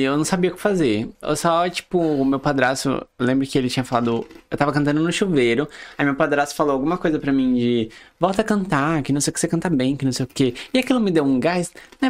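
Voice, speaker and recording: A man talking as a podcast guest singer, telling stories in an animated, exclamatory way in casual chat. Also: fairly high pitch.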